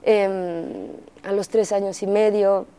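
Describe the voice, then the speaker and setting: A woman's voice: mid-range voice, fairly even intonation, slow pace, mellow, clear, resonant tone. A woman with a Mexican accent, an interview guest candidly recounting her personal story and acting out the dialogue, with frequent fillers. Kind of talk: personal testimony in conversation.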